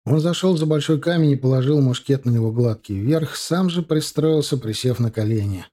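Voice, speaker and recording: A man narrating an audiobook in a measured, even way. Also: mid-range voice.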